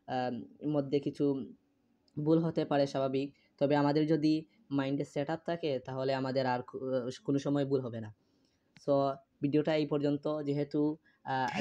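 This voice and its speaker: A man teaching Arabic letters in a slow, patient step-by-step lesson, repeating each letter with small fillers. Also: mid-range voice, dark tone. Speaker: Quran reading teacher. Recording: dull lo-fi recording.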